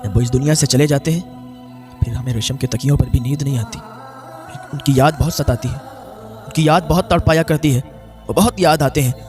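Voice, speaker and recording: A man's voice: mid-range voice, brisk, pauses often, a little mellow, faint music behind. A male preacher delivering an emotional sermon as a story, repeating phrases for dramatic effect. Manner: repetitive, dramatic retelling. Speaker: maulana, preacher.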